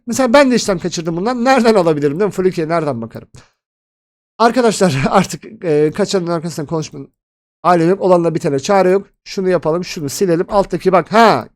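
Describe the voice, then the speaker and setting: A man hosting a casual crypto chart analysis, chatty and excitable, talking straight to his viewers. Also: high-pitched. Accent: Turkish. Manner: excitable, chatty, addresses viewers as friends and 'abi'.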